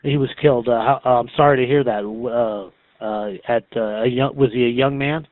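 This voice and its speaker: A man conducting a casual interview, asking halting, hesitant questions with many pauses. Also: medium pitch, steady tone. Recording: tinny phone-like band, roomy echo.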